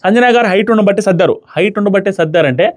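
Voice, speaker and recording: A man delivers an opinionated review at breakneck speed. He sounds indignant and emphatic, and his voice sits high for a man. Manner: emphatic, indignant, rapid-fire ranting. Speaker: reality show reviewer.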